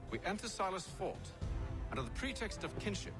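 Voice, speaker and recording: An actor playing a composed male leader who speaks formally and deliberately in a game. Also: sits high, very animated. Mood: commanding. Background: game music.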